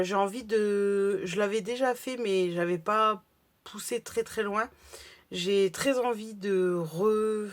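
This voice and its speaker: A woman talks through her craft haul in a relaxed, chatty way. She pauses often to search for words and restarts her phrases, and her voice sits at an ordinary mid pitch. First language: French. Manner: chatty, hesitant with many fillers. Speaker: crafting vlogger. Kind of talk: casual haul video.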